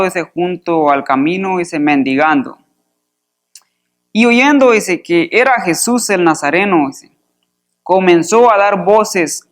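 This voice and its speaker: A man preaching a sermon in a church, reading scripture aloud and explaining it in an easygoing way, often pausing on filler words. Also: high-pitched, fairly bright tone. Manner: conversational, fills pauses with "este" and repeats "dice" while reading.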